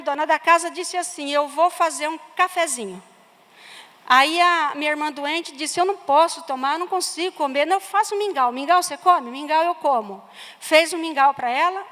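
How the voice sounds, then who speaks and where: A woman's voice: sits high, fairly bright tone. A woman with a Brazilian Portuguese accent preaching a sermon, telling a personal story with emphatic repetitions. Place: church sanctuary. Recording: church hall reverb.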